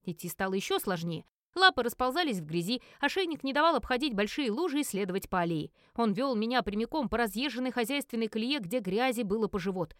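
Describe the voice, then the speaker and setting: Woman narrator for a first-person audiobook: animated, fairly high, dry close sound. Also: quick pace, no echo. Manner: expressive, lively storytelling.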